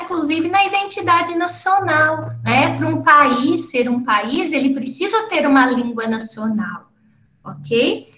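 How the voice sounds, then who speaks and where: Speaking high with a pushed, bright quality, this woman's voice sounds roomy. An adult lecturer and researcher with completed schooling, from outside the host city, she walks teachers through her academic talk step by step, frequently adding tag questions.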